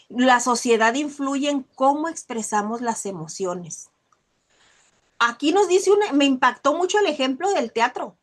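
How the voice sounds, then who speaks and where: A woman hosting a casual motivational book talk, animated, often acting out the people she describes. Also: high-pitched. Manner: animated, acts out scolding mothers. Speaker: host of a book discussion.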